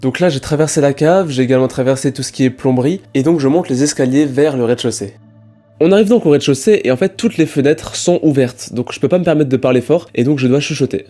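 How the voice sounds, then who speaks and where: A man delivering a scripted voice-over for his exploration video, brisk and wry. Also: on the high side, warm tone. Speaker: video creator.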